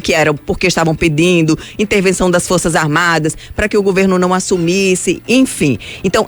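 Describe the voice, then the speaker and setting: A woman commentating on politics in a heated radio debate, skeptical and pushing back with counterarguments from a radio studio. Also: lowish voice.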